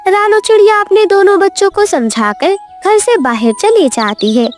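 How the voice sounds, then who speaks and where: A woman narrating a children's cartoon story in an expressive, sing-song way. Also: very high voice, moderate pace, soft background music.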